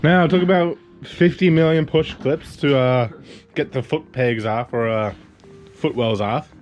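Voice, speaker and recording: A man in his thirties from Newfoundland, Canada, hosts a casual shop vlog from a small garage workshop. His voice sits at medium pitch and moves a little slowly, full of laid-back, joking banter.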